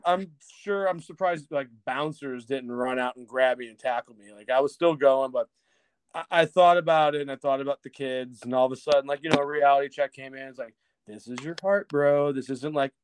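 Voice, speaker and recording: Man, middle-aged, podcast guest, rambling storyteller, swears and laughs, smooth voice, dry close sound. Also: medium pitch, fairly quick, no room sound. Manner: self-mocking, laughing, swearing freely; rambling with restarts and acted-out dialogue. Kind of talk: casual storytelling chat.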